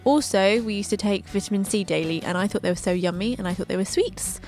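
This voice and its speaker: A woman's voice: medium pitch, fast, a little mellow. A woman, narrating her own life story with chatty, joking asides. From England. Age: 20s. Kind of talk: scripted narration over a drawing video.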